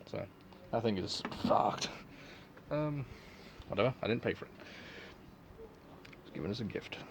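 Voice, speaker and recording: A man's voice: on the low side, animated, measured pace, creaky, a little hiss or hum. A man giving a casual, unscripted product review in a rambling, offhand, sweary way. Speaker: collector and reseller reviewing gas masks.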